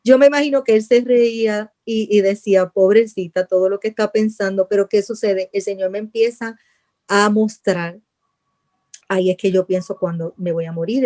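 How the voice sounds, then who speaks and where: Woman with a mellow, earnest voice. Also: mid-range voice. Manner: earnest, repeats phrases, drops to soft voice when praying. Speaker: interviewee telling her illness testimony. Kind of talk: emotional personal testimony.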